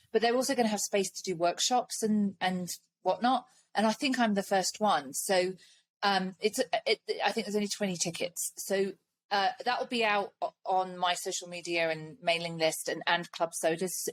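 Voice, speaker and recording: A woman's voice: lowish voice, no echo. A British woman in her late forties hosting a podcast, chatting casually and laughing often. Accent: British English. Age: 40s. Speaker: podcast host.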